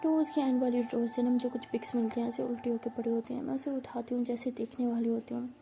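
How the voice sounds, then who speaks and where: A woman telling her own love story in casual first person, chatty, with hushed asides, and playfully scolding her viewers. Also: on the high side, flat delivery, quick pace, gravelly, noisy background. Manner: chatty, mixes English words into Hindi, drops into hushed asides. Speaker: storytelling vlogger.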